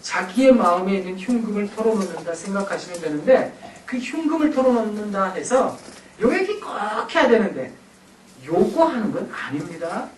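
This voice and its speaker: A man lecturing to a church audience on talking with children, playful and animated as he acts out little scenes. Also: high-pitched, normal speed, slight background noise. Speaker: seminary professor and guest lecturer. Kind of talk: church lecture on family communication. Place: church hall. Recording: echoey hall, far from mic.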